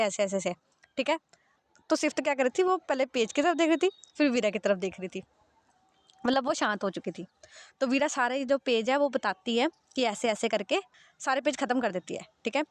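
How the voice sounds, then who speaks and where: A woman's voice: high-pitched, a little fast, dry recording. A young woman narrating a love story in a casual, chatty way, often stopping to recap. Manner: chatty, recaps with "theek hai" and "matlab".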